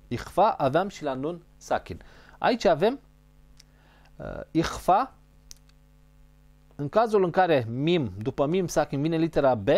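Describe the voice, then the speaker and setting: A man's voice: on the high side, a little mellow. A man teaching a lesson on recitation rules, explaining step by step, repeating key terms and sounding out letters as examples. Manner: models Arabic sounds mid-sentence.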